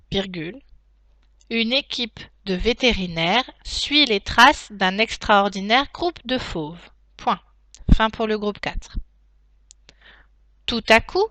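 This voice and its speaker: A woman teacher dictating a text to pupils, phrase by phrase, in a deliberate, carefully articulated way with pauses. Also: mid-range voice, a bit bright, no room sound. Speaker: primary school teacher.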